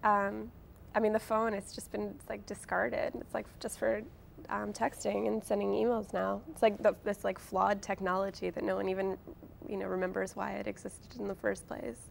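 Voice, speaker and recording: An author and blogger in her late twenties chats easily as an interview guest, wry and self-deprecating. She speaks at a moderate pace in a flat, gravelly mid-range voice, with a faint hiss or hum present.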